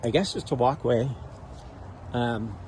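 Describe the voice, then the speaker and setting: A man casually narrating a walking tour of a house, offhand and relaxed with frequent ums. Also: mid-range voice, slow, slight background noise. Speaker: home tour host. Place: inside a house being toured.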